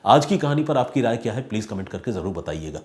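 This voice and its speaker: A man who hosts a crime story channel, reading viewer comments aloud and sharing his view in a measured, conversational way. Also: lowish voice, sing-song, darkish tone.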